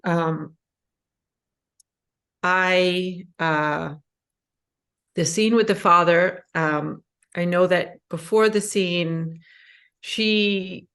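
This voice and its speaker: A woman's voice: lowish voice, drawn-out words, pauses often, a bit bright, clear, resonant tone. Hesitant woman asking a question. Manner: hesitant, many fillers and restarts. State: emotional, voice rising. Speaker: audience member asking a question. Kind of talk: emotional personal question at an online book talk.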